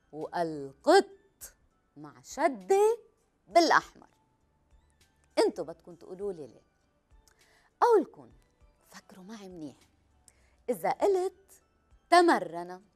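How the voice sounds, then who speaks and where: A teacher with a Levantine Arabic accent gives a children's language lesson, stretching her words out slowly and quizzing her viewers again and again. Her voice is fairly high-pitched.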